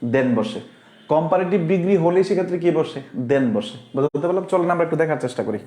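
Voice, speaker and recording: Man, online English teacher, live class, step-by-step explanations, reads viewer comments, slightly high voice. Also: expressive, quick pace, dark tone, reverberant. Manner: explains step by step, often asks the class if they understood. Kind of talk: live-streamed Bengali grammar class.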